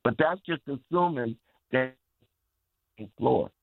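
A man's voice: medium pitch, slow, gravelly, dry recording. A man calling in to a sports radio show over the phone, complaining in a frustrated rant. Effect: heard over a phone line. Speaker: radio call-in caller. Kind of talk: casual sports call-in chat. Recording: tinny dry phone line.

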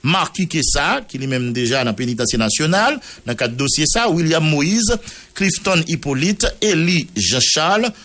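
A Haitian-accented radio journalist with a high, slightly bright voice speaks animatedly at a moderate pace in news commentary. He reads a court order in French mixed with Creole, working through court documents and long lists of names.

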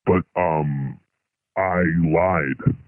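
A man's voice: very deep voice, no echo. Man on a voice changer, phone line. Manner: hesitant, halting with many ums. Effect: voice changer disguising his voice. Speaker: anonymous caller. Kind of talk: confessional phone-in chat.

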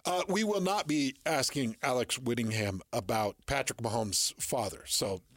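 A man's voice: mid-range voice, normal speed, dry recording, clean studio sound. A man hosting a sports radio show, chatting casually and pushing back with disbelief. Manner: animated, incredulous pushback.

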